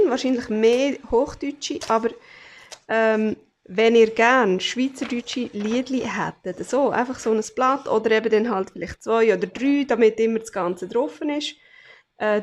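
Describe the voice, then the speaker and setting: A woman with a Swiss German accent, hosting a casual crafting vlog, chatty and full of fillers as she shows her things to the camera. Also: on the high side. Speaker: craft channel host.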